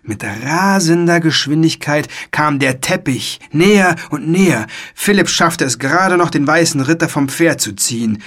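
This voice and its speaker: Slow, lively male storyteller. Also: medium pitch. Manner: expressive, dramatic storytelling. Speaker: audiobook narrator. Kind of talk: children's storybook narration.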